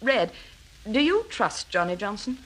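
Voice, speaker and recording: An actress playing a cool-headed, plucky woman sleuth in a radio thriller, brisk, wry and commanding. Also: mid-range voice, sing-song, a bit bright. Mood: businesslike. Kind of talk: scripted radio thriller acting.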